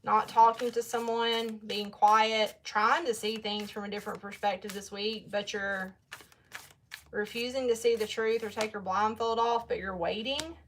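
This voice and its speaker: A woman's voice: medium pitch, steady tone, moderate pace, fairly bright tone, a little hiss or hum. A young woman giving a casual tarot reading, chatty and blunt, talking straight to her viewers. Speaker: tarot reader.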